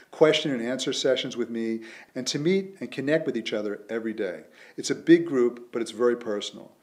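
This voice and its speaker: Earnest man giving a sales pitch. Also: a little mellow. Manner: earnest, persuasive. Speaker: author promoting his method. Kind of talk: scripted promotional pitch.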